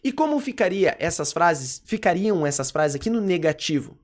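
An English teacher with a Brazilian accent, explaining grammar in a chatty way and slowing down to repeat each example phrase. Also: mid-range voice, very animated. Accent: Brazilian Portuguese. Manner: casual, chatty explaining with slang tags. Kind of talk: recorded language lesson.

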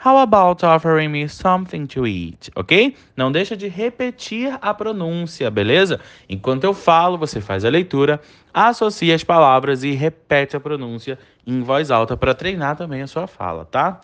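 Lively Brazilian man teaching English. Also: on the high side, normal speed. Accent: Brazilian Portuguese. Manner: chatty, checks in with "né?" and "tá?". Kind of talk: online language lesson.

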